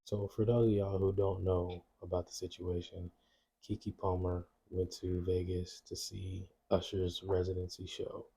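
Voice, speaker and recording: A man with a deep, very dark voice and a husky edge. He talks in a laid-back, casual way, hedging his points as he explains. He is speaking quietly at home late at night. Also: flat delivery, a little slow. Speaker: podcast co-host. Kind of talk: casual chat. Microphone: podcast mics.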